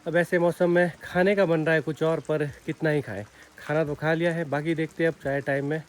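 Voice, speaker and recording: A man's voice: on the high side, flat delivery, a little fast. A young man chatting casually as he vlogs his rainy day in the hills and a car ride, easygoing and teasing. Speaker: vlogger. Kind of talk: casual vlog narration. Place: outdoors in hills and in a car, rain.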